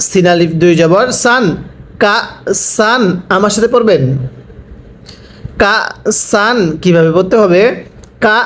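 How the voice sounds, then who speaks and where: A man teaching a recorded Quran reading lesson, spelling out syllables slowly and patiently and asking the listener to repeat after him. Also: high-pitched. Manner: slow, drawn-out syllables for the learner to repeat; patient step-by-step instruction.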